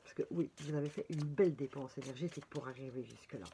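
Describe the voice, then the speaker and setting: A woman's voice: rumbling low, quick pace, noisy background. A woman with a Belgian French accent giving a casual horoscope reading with cards, chatty and full of fillers and exclamations. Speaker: tarot reader.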